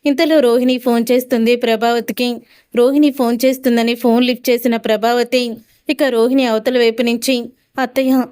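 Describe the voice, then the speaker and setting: Woman narrator, high voice, recaps a soap episode and reads the characters' lines out without acting them. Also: darkish tone, clean tone. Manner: recounts dialogue in quotes with frequent "ani antu untundi" tags. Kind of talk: retelling a TV serial episode.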